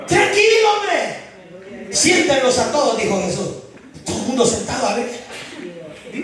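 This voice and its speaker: A fervent male pastor with a very high voice, preaching a lively sermon full of shouted lines and jokes. He sounds distant, swallowed by a very echoey church hall. A congregation is clearly heard around him.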